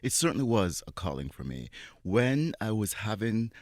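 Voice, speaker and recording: A man's voice: lowish voice, very animated, moderate pace, a little mellow, no echo, studio quality. A man in his forties from Jamaica, speaking earnestly and reflectively as an interview guest. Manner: earnest, reflective, laughs between thoughts. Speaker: interview guest, dancer and teacher. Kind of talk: conversational interview.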